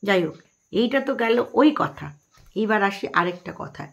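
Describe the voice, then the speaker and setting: A woman's voice: medium pitch, animated, moderate pace, gravelly. A woman vlogger with a Bengali accent, gossiping and mocking the people she talks about directly to her viewers. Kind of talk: gossipy commentary vlog.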